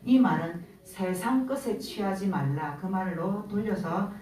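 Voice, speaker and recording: A woman's voice: mid-range voice, a little slow. A woman in her fifties giving an earnest sermon, telling family stories and acting out what her children say. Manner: earnest, storytelling, animated quoting of family. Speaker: church speaker. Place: church sanctuary. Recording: roomy church sound from far off, faint ambience.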